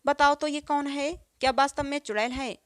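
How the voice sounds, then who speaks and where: A woman's voice: sits high, fairly even intonation, a little fast, no echo, studio quality, close to an everyday voice. A woman reading the lines of a stern village landlord father, in her own voice with firm, plain speech.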